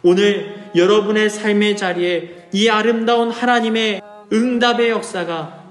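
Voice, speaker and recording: A man's voice: high-pitched, steady tone, unhurried. A pastor preaching a sermon, asking his congregation rhetorical questions and pleading with feeling as he voices the psalmist. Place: church hall. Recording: echoey church with soft music behind.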